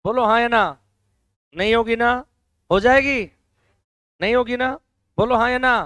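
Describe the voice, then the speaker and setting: A male teacher with a hoarse throat, lecturing a classroom and loudly quizzing the students to answer together. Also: very high voice, unhurried, no echo. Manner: loud call-and-response questioning of students.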